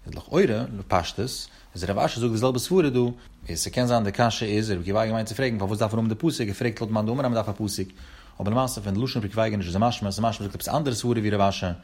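A man's voice: on the low side, fast talker, a little mellow, slightly rough. A man teaching a text study lecture, explaining step by step in short broken phrases.

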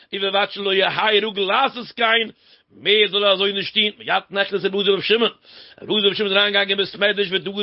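High-voiced man in a dull lo-fi recording. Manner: repeats key words and phrases. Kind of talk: religious storytelling lecture.

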